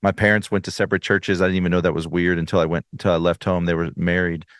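Deep-voiced man telling his faith story. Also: little pitch movement, fast talker, smooth, dry recording, clean studio sound. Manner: earnest storytelling with frequent restarts. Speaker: interview guest. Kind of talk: personal testimony in conversation.

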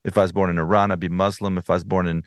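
Male guest, thirties, deep low voice, earnest storyteller who restarts often, dry close sound. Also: flat delivery, very fast, no echo. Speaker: interview guest. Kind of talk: personal testimony in conversation.

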